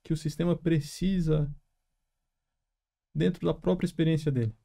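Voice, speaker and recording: A man from Florianópolis with its local accent, a therapist co-hosting a podcast, speaking in a measured, affirming way. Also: on the high side, steady tone, gravelly, dark tone. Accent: Florianópolis Portuguese. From Florianópolis, Brazil. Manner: measured, affirming with frequent uhum. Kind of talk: reflective podcast conversation. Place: small room with three people.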